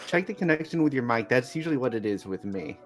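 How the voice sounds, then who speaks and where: A man's voice: medium pitch, animated, fast talker. A man chatting casually as a player in a tabletop game. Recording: music behind the voice.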